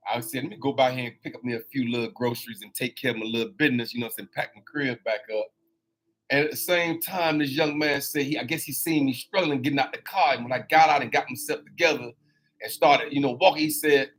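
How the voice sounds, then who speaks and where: This man in his fifties hosts a motivational talk with a medium-pitched, slightly bright voice. He preaches animatedly, repeating phrases for emphasis and addressing his listeners directly.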